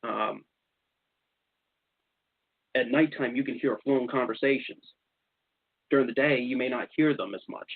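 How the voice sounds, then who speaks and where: A radio host with a mid-range, breathy-edged voice recounts investigations casually and animatedly, imitating what people said. He talks a little slowly, with long pauses, on a dry recording that has a slightly dull, lo-fi radio quality.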